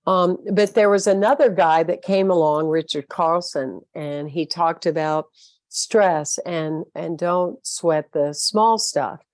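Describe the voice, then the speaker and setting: A woman's voice: fairly low pitch, takes it slowly, darkish tone, no echo. A woman with a Southern American accent giving an earnest, uplifting inspirational talk as a spiritual speaker.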